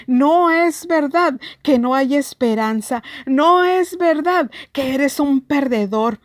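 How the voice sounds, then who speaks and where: High-voiced woman preaching slowly. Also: animated, dry recording. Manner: earnest, emphatic preaching with scripture readings. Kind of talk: devotional sermon.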